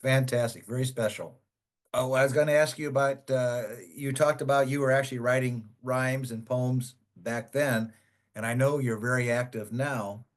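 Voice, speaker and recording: A man's voice: medium pitch, steady tone, moderate pace. A man interviewing his guest, asking friendly questions with some hesitation.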